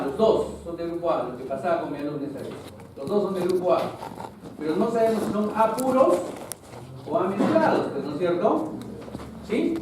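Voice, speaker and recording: Male biology teacher, high-ish voice, patient step-by-step lecturing; recorded from afar in a booming, noisy classroom. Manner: explanatory, keeps checking in with "¿no es cierto?". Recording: very echoey noisy classroom, far mic.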